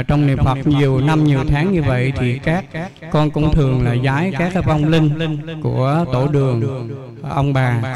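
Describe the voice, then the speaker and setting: A lay Buddhist man asking a question formally and respectfully, hesitating as he speaks. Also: medium pitch. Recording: crowded temple hall.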